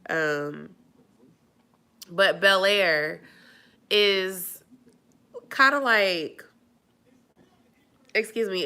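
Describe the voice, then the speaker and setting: A woman vlogger answers live chat on a stream, talking casually and rambling with lots of fillers. Her voice sits on the low side, smooth but sharp in tone, and sounds nasal and stuffy from a cold.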